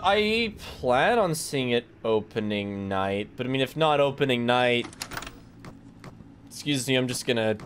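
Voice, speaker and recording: A male game streamer chatting casually over his gameplay, joking with his viewers and breaking into laughs. His slightly high voice jumps around with a very animated range of pitch. A faint hiss sits under the recording. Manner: joking, laughs often, talks to chat.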